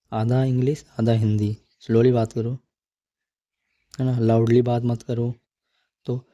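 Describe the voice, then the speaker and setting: A male English teacher giving a spoken lesson, slowly repeating phrases for practice in an encouraging tone. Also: medium pitch, mellow, dry recording. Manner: encouraging, coaxing tone.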